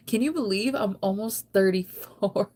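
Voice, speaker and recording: A mid-range, darkish-toned woman's voice belongs to an American live streamer in her thirties. During a casual late-night stream she reads out viewer comments and replies. She rambles conversationally, teasing herself playfully as she goes.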